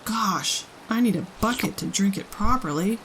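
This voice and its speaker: A woman's voice: mid-range voice, expressive, normal speed, a bit bright, slight background noise, lightly acted, rough recording. A woman voicing a greedy, heedless young boy from a storybook, full of exclamations. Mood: gleeful greed. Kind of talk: storybook character voice.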